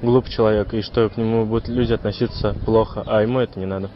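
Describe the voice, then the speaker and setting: Fast, flat-voiced young man on street. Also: on the low side, muffled recording, slight background noise. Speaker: passer-by interviewee. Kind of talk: street interview answers. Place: city street outdoors.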